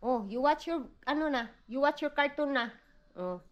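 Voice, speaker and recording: A woman's voice: high-pitched, expressive, moderate pace, roomy sound, lo-fi sound. A middle-aged Filipino woman with a Visayan accent, chatting casually to her viewers in a home vlog and mixing English into her talk. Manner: chatty, keeps calling viewers "day", mixes English into Tagalog. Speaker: vlogger, stay-at-home mom. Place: family home indoors.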